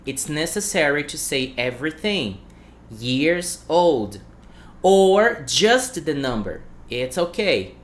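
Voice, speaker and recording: A man's voice: on the high side, fairly bright tone. A man in his thirties from Brazil, with a Brazilian accent and Portuguese as his first language. He teaches an English lesson on a livestream, repeating phrases and asking the chat questions. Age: 30s.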